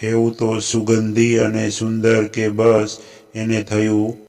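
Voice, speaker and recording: A man with a Gujarati accent narrates a traditional folk tale in measured, scripted storytelling. His voice sits a little low and stays remarkably flat, hardly rising or falling.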